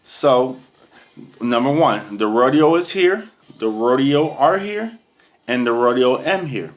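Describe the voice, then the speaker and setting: A woman's voice: rumbling low, lively intonation, takes it slowly, full character voice. A woman playing a patient but firm schoolteacher who drills grammar and scolds a pupil for laughing at classmates. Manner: patient, corrective, lecturing on humility. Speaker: teacher. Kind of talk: comedy skit acting.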